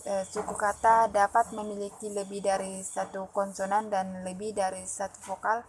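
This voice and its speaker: A woman presenting phonology material as a student, reading her notes aloud and pausing often with fillers and restarts. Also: mid-range voice, little pitch movement, noisy background. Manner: halting, with frequent "eh" fillers and restarts. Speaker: student presenting an exam assignment.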